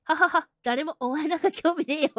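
A woman streaming a horror game, talking bluntly and roughly, laughing often and shouting at the scares. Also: high-pitched, fairly quick, no echo, studio quality. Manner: rough, blunt casual talk with frequent laughter; bursts into loud shouting at scares. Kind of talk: live horror game commentary.

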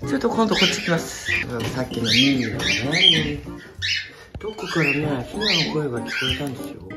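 A woman who breeds cockatiels, from Hokkaido, Japan, chatting casually as she checks nest boxes and coos gently to her birds. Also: low voice, very animated, rapid-fire. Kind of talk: casual vlog narration. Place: indoor bird room. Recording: loud music behind.

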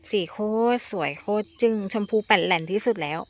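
A woman talks in a chatty, coaxing sales-pitch voice at a middling pitch. She sounds playful and enthusiastic, and she keeps stressing her words by repeating them. She keeps addressing her viewers sweetly as if they were her older siblings. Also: expressive, fairly quick. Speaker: plant seller.

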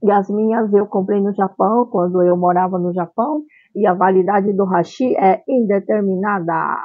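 A woman's voice: medium pitch, normal speed, dry recording, soft background music. A middle-aged woman hosting a chatty vlog in a playful, cutesy streamer manner, recorded on a camera at home. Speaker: vlog channel host. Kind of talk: chatty vlog product presentation with cute Japanese greetings. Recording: dull lo-fi camera sound.

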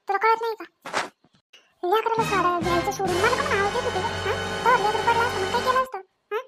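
A woman voicing a sharp village mother-in-law who scolds and keeps demanding answers. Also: very high voice.

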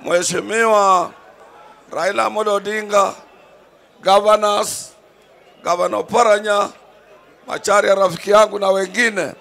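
An older man addresses an outdoor stadium rally on a handheld mic. His voice is very high with a gravelly edge, loud and rousing, with a faint crowd behind him. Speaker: rally speaker. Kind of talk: rally speech. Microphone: handheld microphone.

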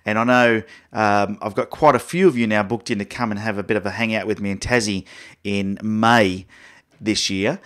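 A man's voice: fairly low pitch, fairly even intonation, normal speed, a bit bright. A man with an Australian accent hosting a photography live stream, chatting casually and greeting viewers by name. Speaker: photography show host.

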